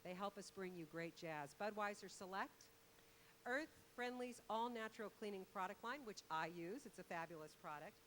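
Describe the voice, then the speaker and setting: A woman's voice: medium pitch, normal speed, fairly bright tone. Woman, middle-aged radio host, stage emcee, chatty, effusive thanks, faint hiss. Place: outdoor concert stage.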